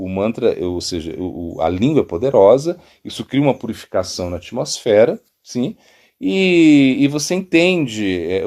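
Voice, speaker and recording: Lively Brazilian monk telling a story. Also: male voice, medium pitch. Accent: Brazilian Portuguese. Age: middle-aged. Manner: rambling, with many fillers and restarts, lively storytelling. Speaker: monk teaching. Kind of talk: informal spiritual talk.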